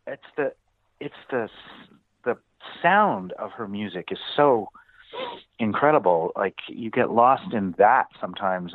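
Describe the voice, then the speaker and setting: A man with a lowish voice co-hosts a music podcast, chatting casually and rambling with plenty of restarts and fillers. The audio is tinny and phone-like, with no room sound.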